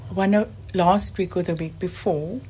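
A middle-aged woman giving casual testimony in measured, hesitant phrases. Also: fairly low pitch, warm tone, low-quality recording. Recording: clear background noise.

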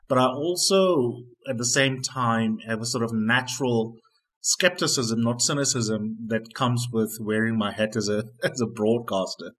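A South African man with a husky, slightly rough voice works as a broadcast interviewer. A native Afrikaans speaker, he phrases his questions deliberately and articulately, in a measured way. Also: medium pitch, a bit bright, low-quality recording.

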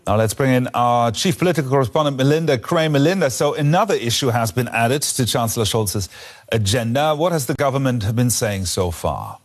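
A male news anchor reads the bulletin in a crisp, scripted manner. His voice sits in an ordinary middle pitch, and he hands over to a correspondent with a clear, steady cadence. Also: brisk. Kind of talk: news presenting.

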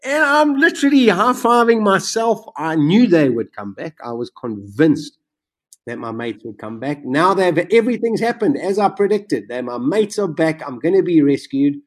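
A man telling his own survival story in conversation, animated and vivid, his voice jumping up when he relives the excitement. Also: fairly high pitch, normal speed. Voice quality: self-described macabre sense of humor.

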